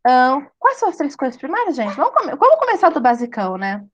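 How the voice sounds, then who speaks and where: A woman's voice: high-pitched, wildly swooping pitch, brisk. A woman teaching a live online drawing class, chatty and playful, laughing at her own slips. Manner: chatty, laughing, self-deprecating asides.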